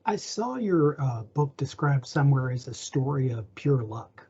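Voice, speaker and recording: A man hosting an interview, asking polite, brief questions in a husky voice. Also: medium pitch, animated, measured pace, dark tone, highs cut off. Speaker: library director, interviewer. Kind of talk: interview host.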